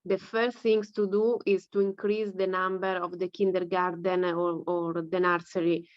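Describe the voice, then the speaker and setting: A woman's voice: lowish voice, flat delivery, normal speed, no room sound. A woman with an Italian accent answering as a guest on a discussion panel, heard through dull audio. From Italy.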